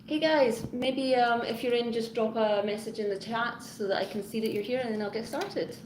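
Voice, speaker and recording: A woman's voice: on the high side, normal speed, a little mellow. Chatty woman live-streaming. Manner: chatty and rambling, greeting chat commenters. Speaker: live-stream host, teacher. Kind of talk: casual live-stream chat with viewers. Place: her home in Hong Kong. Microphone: phone front camera. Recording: echoey room with background noise.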